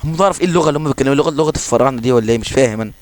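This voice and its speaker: A man with an Egyptian Arabic accent giving casual, excitable commentary over his own gameplay, joking and exclaiming as he plays. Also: medium pitch, very fast, a little hiss or hum. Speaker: gaming channel host.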